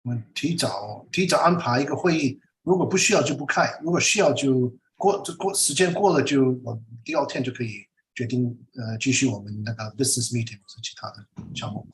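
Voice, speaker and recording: A man's voice: medium pitch, brisk, slight background noise, rough recording. A man speaking as a council member in a business meeting over an online call.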